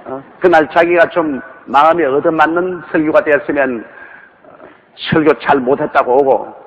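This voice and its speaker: A man's voice: fairly high pitch, moderate pace. A male pastor preaching a sermon emphatically, with many rhetorical questions, in a dull, reverberant recording.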